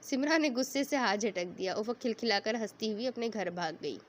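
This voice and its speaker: A woman storyteller reading a serialized novel aloud in steady, even narration. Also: fairly high pitch, a little fast, a little hiss or hum.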